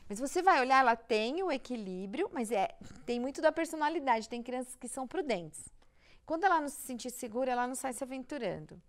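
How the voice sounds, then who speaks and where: A Brazilian-accented woman with a somewhat high voice talks as a pediatrician guest on an interview show. She explains patiently and step by step, in a calm, reassuring manner. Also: a little fast.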